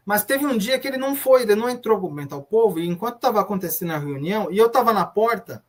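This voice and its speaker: Brazilian man giving earnest testimony. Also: high-pitched. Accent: Brazilian Portuguese. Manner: earnest, reflective, retelling memories with many restarts. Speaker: former church member giving testimony. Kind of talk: personal testimony in an interview.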